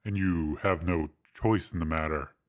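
A man reading a story aloud, voicing a formal, composed male bodyguard in a deep, measured voice. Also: steady tone.

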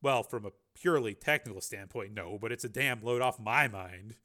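Older priest, wry, droll, easygoing, bright voice, a man putting him on. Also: on the low side, normal speed. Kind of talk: audiobook dialogue.

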